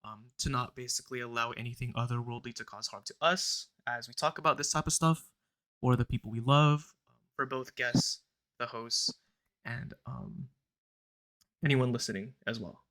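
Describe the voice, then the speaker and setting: Bright-voiced young male podcast host. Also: mid-range voice, moderate pace. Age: young adult. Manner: relaxed, rambling, filler-heavy, recites a prayer. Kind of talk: casual podcast chat.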